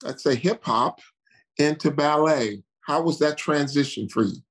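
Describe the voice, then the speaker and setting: A man's voice: a little high, a little slow. A man hosting an interview, asking questions with stumbling restarts. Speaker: podcast host, founder.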